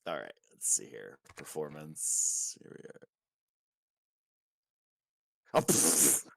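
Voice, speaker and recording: A man playing a tabletop game, talking in a hesitant, relaxed way with fillers while he decides his character's moves. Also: very deep voice, creaky, no room sound. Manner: slow, hesitant, with fillers and laughs. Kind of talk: casual play chat.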